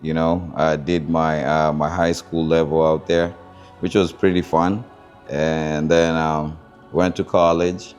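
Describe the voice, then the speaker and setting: A Kenyan man with a notably low voice talks through his story as an interview guest. He speaks reflectively, pausing often with fillers while he searches for the right words. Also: flat delivery, a little mellow, soft background music. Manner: thoughtful, searching for words with many pauses and fillers. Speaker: interview guest, founder of a culture group.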